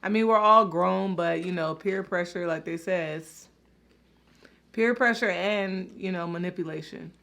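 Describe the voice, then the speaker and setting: A woman hosts a casual reaction video, speaking straight to her viewers in a chatty way full of fillers like "like" and "you know." Her voice is on the low side, a little slow, with vocal fry and a fairly bright tone.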